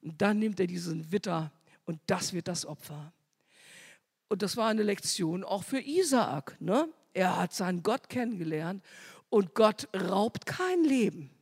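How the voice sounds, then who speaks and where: A woman preaching a sermon, repeating phrases and rising loud on key words. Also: mid-range voice, expressive, measured pace, breathy edge. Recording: long hall reverb.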